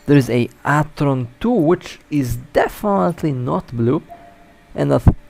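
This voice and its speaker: A man's voice: fairly high pitch, lively intonation, a little slow, creaky, darkish tone, a little hiss or hum. A man with hiccups giving casual, chatty live commentary while playing a space game, often stumbling and correcting himself. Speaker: mobile space game player.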